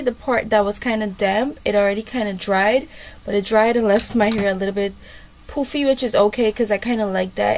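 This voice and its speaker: A woman's voice: medium pitch, darkish tone. A woman vlogger talking casually through a hair tutorial, rambling with lots of fillers. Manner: chatty and rambling, many fillers. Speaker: beauty vlogger.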